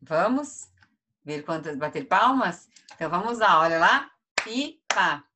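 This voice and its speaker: A woman's voice: lowish voice, expressive, normal speed, noisy background. A Brazilian woman teacher giving an online lesson to first graders, drawing out each word syllable by syllable. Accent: Brazilian Portuguese. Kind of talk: online lesson for young children.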